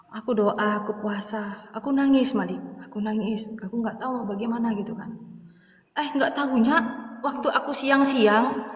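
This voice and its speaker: Middle-aged woman evangelist, Madurese accent, heartfelt storyteller; reverberant room. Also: medium pitch. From Madura, Indonesia. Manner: emotional, storytelling with lively quoted dialogue. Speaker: evangelist sharing testimony. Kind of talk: casual testimony chat. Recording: echoey room with long reverb.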